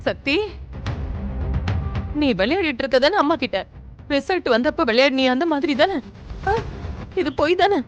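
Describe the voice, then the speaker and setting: A woman's voice: high voice, lively intonation, moderate pace, long pauses, lo-fi sound. An actress playing an emotional middle-aged mother in a TV serial, pleading and anxious. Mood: distraught. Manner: pleading and emotional, rising to distress. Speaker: mother of the heroine. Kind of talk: Tamil TV serial acting. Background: soap opera music score.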